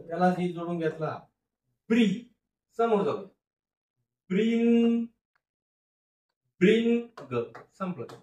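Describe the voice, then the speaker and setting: Phonics teacher, male, stretches syllables and repeats words; roomy, slightly distant sound. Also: a little high. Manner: slow, drawn-out syllable-by-syllable sounding out, repeats each word. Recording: echoey room, voice a bit far from mic.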